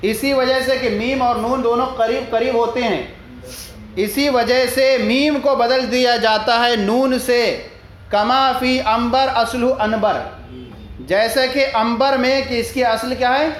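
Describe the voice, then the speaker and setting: A man's voice: very high-pitched, fairly even intonation. A man teaching a religious studies lesson. He explains a text line by line, asks questions and answers them himself, and repeats his points. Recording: echoey room with faint background noise.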